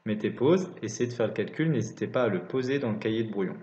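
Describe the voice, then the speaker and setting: A man's voice: medium pitch, animated, fast, mellow. A man teaching maths in a scripted lesson narration, dictating calculations piece by piece. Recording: roomy, slightly dull recording.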